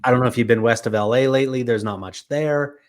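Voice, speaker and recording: A man's voice: medium pitch, fast. A man hosting a casual film podcast, rambling through credits and filming places with many fillers. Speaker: podcast host.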